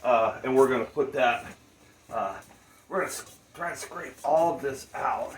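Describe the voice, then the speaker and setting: A man's voice: mid-range voice, normal speed. Laid-back stoner man in an echoey room. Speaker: cooking show host. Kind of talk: casual cooking demonstration. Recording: roomy, distant mic, faint noise.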